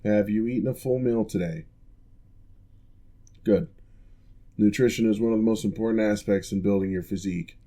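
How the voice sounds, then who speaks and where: For an ASMR roleplay, a man takes on the role of a composed orc, a one-time general now in physical therapy. His tone is steady, a little low and mellow, close to an everyday voice, and he talks in a measured, formal, reassuring way.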